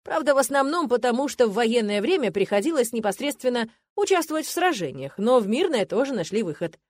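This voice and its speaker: A woman's voice: fairly high pitch, a little fast, pitched above the performer's own voice. Woman reading a wry teasing young prince. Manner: calm, dry, joking. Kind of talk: audiobook character reading.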